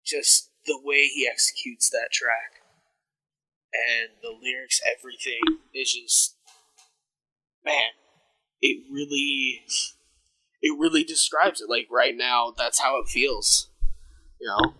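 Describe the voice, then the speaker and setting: A young man in his late teens talks slowly on a casual podcast, often stalling to search for the right word. His tone is very bright and tense, and he swears offhand as he goes. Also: mid-range voice, steady tone, husky, poor audio. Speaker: podcast co-host. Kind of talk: casual chat.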